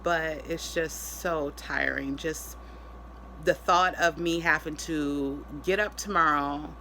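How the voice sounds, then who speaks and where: Woman vlogger, worn out and sore post-surgery, halting casual talk, bright voice, faint noise. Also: deep voice, fairly even intonation, poor audio. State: tired and in pain after surgery. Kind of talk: casual personal health update vlog.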